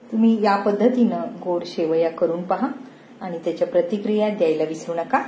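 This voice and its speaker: A woman hosting a cooking channel, calmly walking through a recipe step by step in a home kitchen. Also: lowish voice, brisk. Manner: calm, step-by-step instructive. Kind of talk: recipe narration. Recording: echoey kitchen, faint noise.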